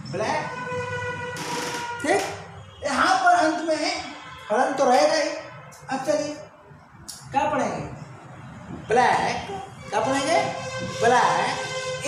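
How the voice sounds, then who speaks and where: A woman teaching an English grammar lesson, drilling pronunciation with repeated quiz questions to her students. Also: high-pitched. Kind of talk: classroom-style grammar lesson. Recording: very echoey room, faint background noise.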